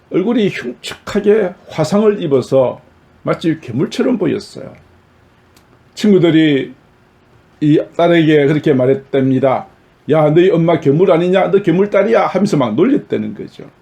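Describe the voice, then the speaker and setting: Warm-voiced male pastor preaching. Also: medium pitch. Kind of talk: sermon.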